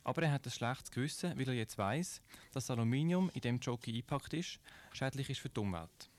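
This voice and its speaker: A man with a Swiss German accent presenting a scripted radio commentary, measured and explanatory, posing rhetorical questions. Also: mid-range voice, lively intonation.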